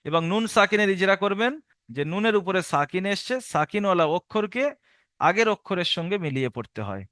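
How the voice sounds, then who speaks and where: High clear-voiced man teaching Quran reading. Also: dry recording, clean studio sound. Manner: slow drawn-out syllable-by-syllable spelling drills alternating with steady explanation. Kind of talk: recorded Quran reading lesson for adults.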